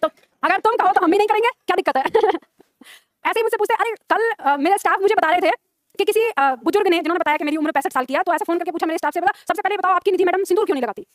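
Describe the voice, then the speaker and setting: A woman's voice: extremely high pitch, racing, no echo, studio quality. A woman teaching Hindi, chatting to her class and online students with frequent laughs. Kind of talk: live classroom lesson chat.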